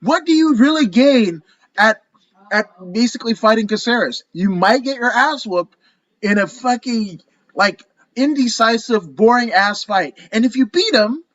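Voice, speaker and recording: Guy with a high voice cussing and ranting on a podcast, dry dull sound. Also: a little slow, dry recording. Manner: animated, profane, rambling rants. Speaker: co-host. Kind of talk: casual podcast chat.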